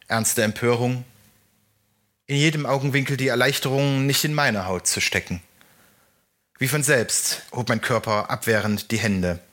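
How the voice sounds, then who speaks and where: A man reads a first-person story aloud at a measured pace, with a bright, forward tone. His pitch sits in a middle range for a man. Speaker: narrator. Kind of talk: audiobook narration.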